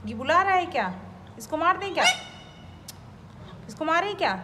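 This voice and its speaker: A woman's voice: very high-pitched, expressive, normal speed. A woman talking to her pet parrot, coaxing it with repeated sing-song questions at home. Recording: echoey room with clear household noise.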